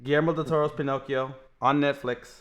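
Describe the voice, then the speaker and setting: A man co-hosting a casual movie review podcast, quick to flare up and swear when he is cut off. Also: medium pitch, fairly even intonation. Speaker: podcast co-host.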